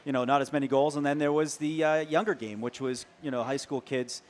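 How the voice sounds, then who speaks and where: Energetic man co-hosting sports talk. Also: medium pitch, fairly quick. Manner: energetic, gushing, talks in loose run-on phrases. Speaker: co-host. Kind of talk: local sports talk show. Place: local TV studio.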